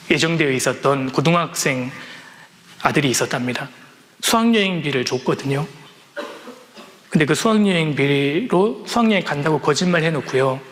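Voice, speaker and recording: A man's voice: a little high, a bit bright. Earnest male preacher in an echoing hall. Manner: earnest, with rising exhortations. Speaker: pastor. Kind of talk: sermon. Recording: long reverb in a large hall.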